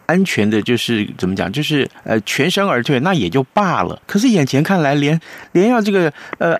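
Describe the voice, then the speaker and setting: A man hosting a radio interview, pausing and searching for words as he responds. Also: on the high side, very animated, dry recording. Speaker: radio host.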